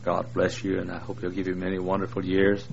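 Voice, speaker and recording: A man in his sixties, a visiting preacher, jokes in a folksy way with a large congregation in a big church, using plenty of fillers. His voice is deep and creaky, his delivery completely flat and a little fast. The recording is dull and lo-fi, with faint noise.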